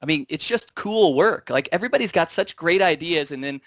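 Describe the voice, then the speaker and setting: A man's voice: a little high, expressive, a little fast, fairly bright tone, no echo. A man hosting a tech talk show, upbeat and joking, rambling with restarts. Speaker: podcast host. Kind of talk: casual tech show chat.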